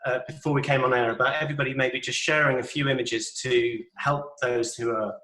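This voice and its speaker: A man moderates an online panel in an informal, teasing way. His voice is mid-pitched, with a clearly roomy echo over a video call. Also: steady tone, brisk, sharp tone. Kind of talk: chatty panel introduction and questions.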